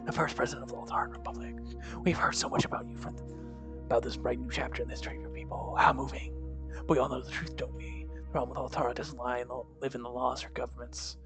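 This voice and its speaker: A man voicing a cold, scornful telepathic alien empress in a slow, mocking whispered role-play over faint music. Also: medium pitch, level tone, natural voice. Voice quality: hushed whisper. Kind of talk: whispered role-play reading game dialogue.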